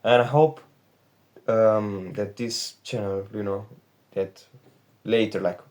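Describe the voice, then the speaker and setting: A man's voice: fairly low pitch, steady tone, slow pace, a little mellow. An 18-year-old man from Romania with a Romanian accent, talking in a candid, rambling and profane confessional vlog from his bedroom into a phone camera. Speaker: trading vlogger. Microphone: phone back camera.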